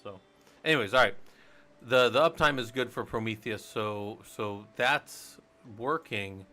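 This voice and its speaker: Fairly low and a little slow, his voice comes across pushed and bright. The man runs a laid-back live stream, thinking aloud over his computer work in a rambling style thick with fillers.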